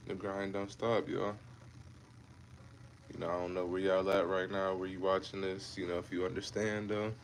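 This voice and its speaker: Speaking at a moderate pace in a low, flat voice, a man in his twenties from Ohio hosts a fitness livestream amid slight background noise. He keeps things casual and repetitive, laid-back as he calls his viewers "bro" and "man."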